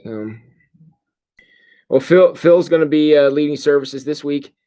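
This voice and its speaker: A middle-aged man, a pastor, giving a casual livestream update in a sedated, halting, groggy way. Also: a little high, dark tone. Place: hospital room.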